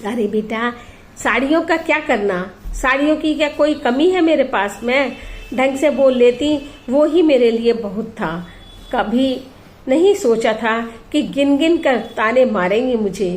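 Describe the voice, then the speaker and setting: A woman reading aloud as a hurt, gentle mother in a storybook tale, speaking softly and reasonably. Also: a little high, animated, a little slow. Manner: pleading, soft and reasonable. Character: hurt, gentle mother visiting her family home. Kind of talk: storybook reading with character voices.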